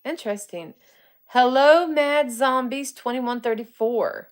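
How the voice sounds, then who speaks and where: She has a high voice and an unhurried way of talking. In her forties, this psychic medium and paranormal live streamer casually replies to viewer comments, laughing frequently, greeting people by name and using informal grammar.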